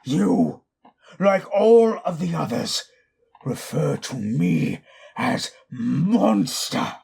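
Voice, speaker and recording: A man playing Frankenstein's bitter, anguished monster in a dramatic audio monologue, with a raspy, gravelly voice and theatrical, archaic, deliberate delivery. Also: fairly high pitch, very animated, darkish tone, heavily acted. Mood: anguished rage. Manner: slow, deliberate, theatrical, archaic formal diction. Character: Frankenstein's monster, bitter, anguished, wrathful abandoned male creation.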